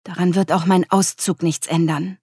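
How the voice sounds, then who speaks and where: A woman's voice: lowish voice, level tone, moderate pace, a little mellow, breathy edge, dry recording, studio quality. A woman reading aloud voices a frightened young woman who has fled an abusive man, speaking in a choked, anxious voice. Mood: anxious, tearful. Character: distressed young woman fleeing abuse.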